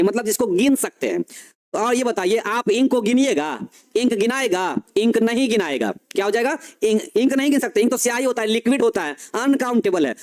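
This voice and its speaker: A young man with a high voice teaches a live online grammar class, walking through each rule step by step. He keeps asking his students questions and answering them himself. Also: a little mellow. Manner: explains step by step, asks students rhetorical questions.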